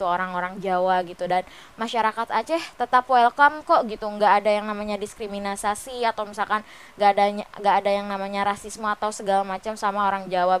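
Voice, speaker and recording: A woman's voice: medium pitch, a bit bright, smooth. A young woman from West Java, sick with a cold and sounding nasal, chatting casually to her followers from her bed. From West Java, Indonesia. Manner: chatty, peppered with fillers. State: sick with a stuffy nose. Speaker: vlogger. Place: bedroom, on a bed.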